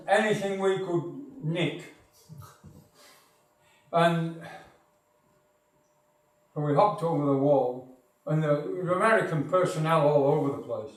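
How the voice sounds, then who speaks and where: In an echoey hall, captured from far off, an older man from northern England gives a society rambling, wry local history anecdotes. His voice is on the high side and a bit bright.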